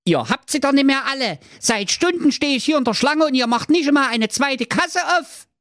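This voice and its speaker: A man's voice: lively intonation, normal speed, fairly bright tone, no room sound, studio quality. A man voicing a cheeky young prince in a bedtime story, pushy like a salesman. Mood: annoyed. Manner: pushy, sales-pitch talk.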